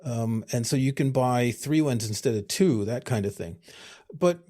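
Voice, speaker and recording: A man co-hosting a podcast in casual chat, thoughtful with dry sarcasm, often pausing to rephrase. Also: medium pitch, dark tone. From living in Europe. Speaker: podcast co-host.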